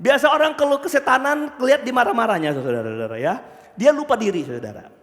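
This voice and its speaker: A man preaching a sermon, acting out the characters in his stories with loud, animated shouts and asking the congregation questions. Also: extremely high pitch, quick pace. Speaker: pastor. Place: church. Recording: church hall reverb.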